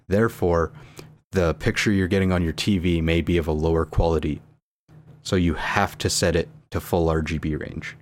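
A man's voice: low voice, steady tone, normal speed. A man co-hosting a casual gaming chat, explaining console settings step by step and swearing casually. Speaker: podcast co-host. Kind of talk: casual chat about video games.

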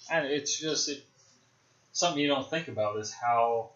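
Young male podcast host, bright and forceful, casual rambling film talk, roomy dull lo-fi audio. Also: medium pitch, moderate pace. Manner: rambling, speculative, frequent fillers and restarts.

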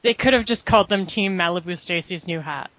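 A woman's voice: on the low side, fairly quick, a bit bright, no room sound, lo-fi sound. A woman co-hosting a casual chat, recapping events with dry, sarcastic asides. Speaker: podcast co-host recapping wrestling.

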